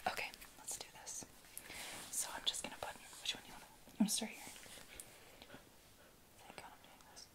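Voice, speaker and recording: A woman's voice: fast talker, long pauses, poor audio. Whispering young woman doing ASMR. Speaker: ASMR host giving a massage. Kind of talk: soft-spoken whispered ASMR. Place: small bedroom, indoors.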